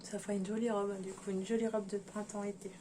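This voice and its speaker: This woman talks fast in a medium-pitched voice with little pitch movement, chatting to her sewing vlog viewers about fabrics. She hesitates and thinks aloud, using many fillers. The background is noisy.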